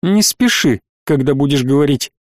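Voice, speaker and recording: A man's voice: on the high side, lively intonation, moderate pace, no echo, natural voice. Man reading stern colonel dad, curt and firm, dry close read. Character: stern military father, a colonel. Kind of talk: audiobook reading.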